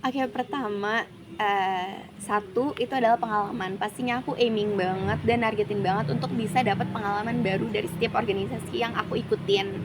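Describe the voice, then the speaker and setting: A woman's voice: medium pitch, fairly even intonation, a little fast. A chatty young woman from Jakarta talks casually as an interview guest, slipping English phrases into her sentences. The recording carries a faint background hiss. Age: young adult. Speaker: university student guest.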